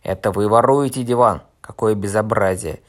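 A man voicing a fat, pompous male official who shouts and scolds in outrage in an audiobook. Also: mid-range voice, fairly quick, natural voice. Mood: outraged.

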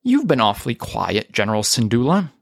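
A man's voice: medium pitch, wildly swooping pitch, fairly quick, creaky, no room sound, exaggerated voice. A courteous alien admiral, acted by a male narrator, formal and inquiring, in an audio drama with a dry sound. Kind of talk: audio drama character reading.

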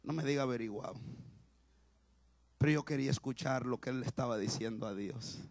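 Preacher man going hard then soft, raspy fry in his voice, dry close sound. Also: medium pitch, fairly quick, no room sound. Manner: impassioned preaching, swings from shouting to hushed. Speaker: pastor. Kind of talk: sermon.

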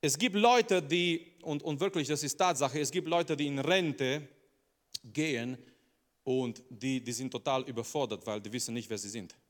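A man's voice: mid-range voice, moderate pace. Man preaching in a reverberant hall. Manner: emphatic, repeats phrases, asks the audience rhetorical questions. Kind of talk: sermon. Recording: long reverb of a large hall.

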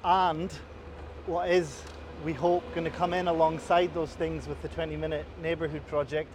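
A man from Inverness with a Highland Scottish accent, explaining things conversationally and a little hesitantly as a local councillor being interviewed on a street. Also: little pitch movement, moderate pace. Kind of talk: conversational guided commentary while out cycling. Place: outdoors on a busy city street. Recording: outdoor street recording with traffic noise. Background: traffic and street noise.

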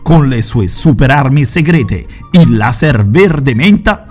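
A man narrating children's stories in a gentle, playful way that talks to the listeners. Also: mid-range voice, expressive, slow, faint music behind. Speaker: storyteller.

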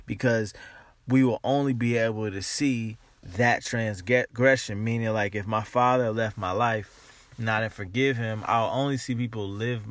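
Emphatic motivational man, medium pitch, dry recording. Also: no room sound. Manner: emphatic, repeats key phrases, stretches words for emphasis. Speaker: motivational podcast host. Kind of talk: informal motivational monologue.

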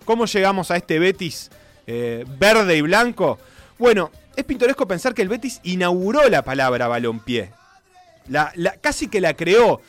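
With faint music in the background, a high-pitched man talking at normal speed recounts football history as a relaxed co-host. His delivery is lively, radio-style storytelling, and he performs quotes with theatrical flair.

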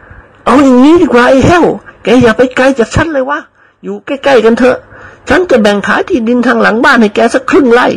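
Bossy old noblewoman, put on by a man; high, stern, commanding. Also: fairly quick, gravelly, slightly rough, full character voice. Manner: scolding, commanding. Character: bossy older noblewoman, stern but caring.

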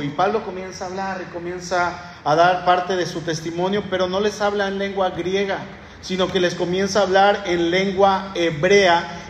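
Man, Mexican Spanish accent, preaching a sermon, high voice, echoey room, faint background hum. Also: a bit bright. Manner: conversational storytelling with repeated word restarts. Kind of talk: sermon, Bible teaching. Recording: echoey hall with long reverb, faint ambience.

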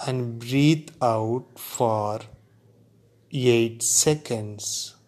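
Very slow, calm man guiding meditation. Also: mid-range voice. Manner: unhurried, deliberate delivery with long pauses between short phrases. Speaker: guided meditation instructor. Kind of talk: guided relaxation narration.

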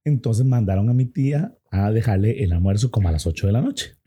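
A man's voice: lowish voice, expressive, a little fast, mellow, slightly rough. A young Costa Rican man telling a spooky story in a casual, rambling chat full of slang and restarts.

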